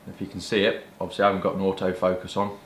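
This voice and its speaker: In a roomy, echoing space with faint background noise, a low-voiced British man rattles on very fast in a monotone. He's a pipe-smoking vlogger presenting pipes and tobacco, rambling colloquially and swearing mildly as he chats about the products to camera.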